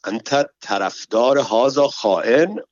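A man reading a story, voicing a nosy and vengeful palace woman who speaks slow, heavily stressed broken Arabic. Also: medium pitch, darkish tone, no echo, close to an everyday voice. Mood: furious. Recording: dull, dry recording.

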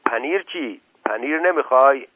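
Guy doing a loud villager barking questions, raised pitch, tinny radio. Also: expressive, no room sound. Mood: demanding. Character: loud demanding village man questioning a stranger.

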